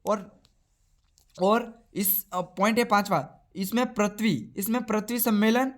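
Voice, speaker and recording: A man's voice: high voice, fairly even intonation, a little slow. A young man teaching a class lesson, repeating each point and asking and answering his own questions.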